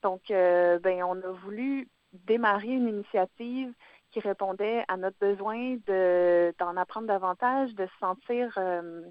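A woman's voice: medium pitch, measured pace, no echo. A Quebec French woman talks as a radio guest, hesitating often and restarting her phrases. Her voice comes through dry and a little dull, as if from a lo-fi line. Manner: hesitant, many "euh" fillers and restarts. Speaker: guest, founder and director of a cultural organization. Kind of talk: radio interview.

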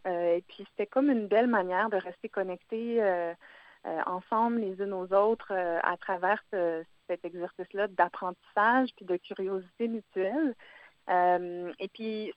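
A woman's voice: mid-range voice, dry recording, lo-fi sound. A woman with a Quebec French accent, a guest speaking in a radio interview, hesitant, with many fillers and restarts. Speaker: guest, founder and director of a cultural organization.

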